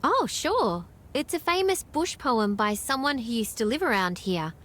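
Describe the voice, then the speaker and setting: A woman's voice: a little high, big pitch swings, normal speed, fairly bright tone. An actress with an Australian accent playing a friendly, knowledgeable small-town woman in video game dialogue, chatty and explanatory. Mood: informative.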